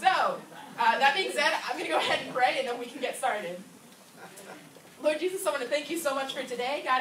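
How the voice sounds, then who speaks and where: A woman's voice: on the high side, fairly bright tone. A young woman from Florida leading a drama ministry team, giving upbeat announcements and a prayer. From Orlando, Florida. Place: church hall with a wooden floor, indoors. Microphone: far camera. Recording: echoey room from far off, noisy.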